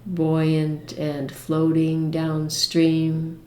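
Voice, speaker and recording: A woman's low, monotone voice leads a guided meditation full of imagery. She is gentle and soothing, leaves long pauses, and the room is reverberant.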